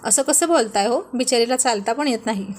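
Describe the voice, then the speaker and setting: A woman voicing a touchy, pouting young pregnant wife who takes offense quickly. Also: on the high side, natural voice. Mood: amused.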